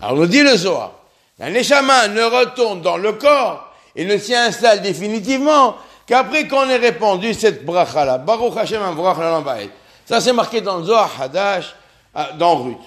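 A man with an unusually high-pitched voice delivers a religious lesson. He speaks earnestly, pressing hard on key words, and often breaks off to restart or repeat himself mid-thought. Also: big pitch swings, moderate pace, a bit bright. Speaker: religious teacher.

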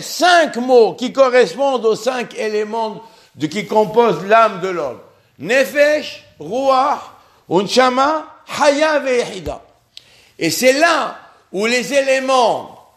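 A man giving a spoken religious lesson, earnest and emphatic, often restarting and repeating words as he explains. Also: extremely high pitch. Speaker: religious teacher.

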